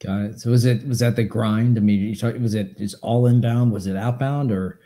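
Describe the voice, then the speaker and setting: A man's voice: on the low side, fairly even intonation, fairly quick, warm tone, roomy sound. A man in his forties hosting a casual interview show over a video call, rambling and restarting his phrases. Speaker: podcast host. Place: home office with bookshelves. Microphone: video call webcam.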